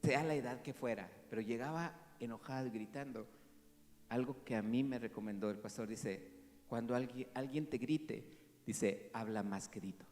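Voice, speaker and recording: A man, a pastor preaching an animated sermon that swings from loud to hushed. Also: medium pitch, moderate pace, in a large hall. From Mexico. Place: church hall.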